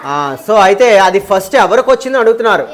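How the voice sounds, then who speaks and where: A woman's voice: mid-range voice, very fast, noisy background. A woman teacher taking a live class of students through an exam paper. She mixes in English terms and keeps checking with them.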